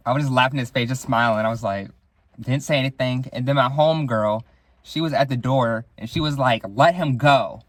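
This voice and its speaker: A man's voice: mid-range voice, no room sound. Laid-back young man telling stories solo. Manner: laid-back, laughs often, swears casually, acts out quoted voices. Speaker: podcast host. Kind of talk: casual solo storytelling.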